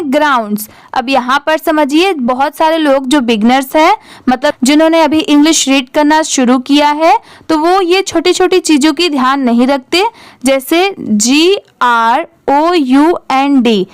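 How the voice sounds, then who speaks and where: A woman's voice: high-pitched, no room sound, clean studio sound. A woman teaching English reading, who spells each word out letter by letter, asks the class how it is read and then answers herself. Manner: spells words letter by letter, then blends them. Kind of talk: slow spelling-out reading lesson.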